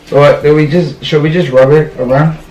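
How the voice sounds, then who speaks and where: Hosting an eating challenge vlog, a man trades cocky, goading banter in a casual way. His slightly high, steady voice is brisk and a little mellow. The room is echoey, with music playing.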